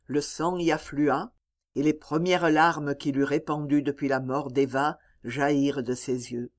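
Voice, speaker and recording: An audiobook reader giving a slow, measured, solemn narration of a classic novel. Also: mid-range voice, fairly even intonation.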